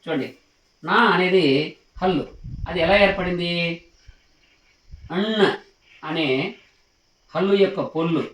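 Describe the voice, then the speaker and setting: A man's voice: high voice, a little slow, pauses often, fairly bright tone. A man teaching a lesson on writing letters, patient and repetitive, often stopping to ask whether the class has understood. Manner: patient, repetitive, asks questions to check understanding. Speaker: Telugu teacher. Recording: echoey room, mic at a distance.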